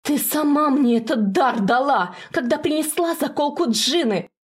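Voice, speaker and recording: A woman voicing a desperate, furious young blonde daughter who shouts and pleads. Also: sits high, expressive, moderate pace, voice pushed up. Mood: accusing.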